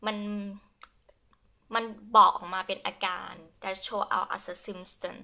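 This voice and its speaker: A young adult Thai woman teaching her language, switching between Thai and slow, halting English with a Thai accent, and often repeating herself. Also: medium pitch, level tone, gravelly, pushed and bright. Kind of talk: bilingual lesson, Thai with English glosses.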